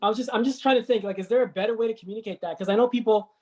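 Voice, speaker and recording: A podcast host in a casual interview, gently probing and questioning the guest's wording. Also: medium pitch, racing.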